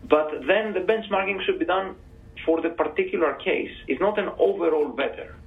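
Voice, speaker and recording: Guy on a panel explaining forecasting stuff, careful and measured, kinda high voice, tinny sound. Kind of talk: answering audience questions.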